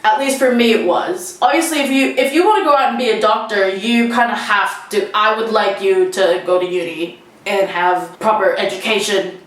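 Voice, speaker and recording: A woman's voice: medium pitch, normal speed. Echoey bathroom confessional from a young woman. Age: 20s. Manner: rambling, candid, freely swearing. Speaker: vlogger. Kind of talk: casual confessional monologue. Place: small indoor bathroom. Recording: very echoey bathroom, distant mic.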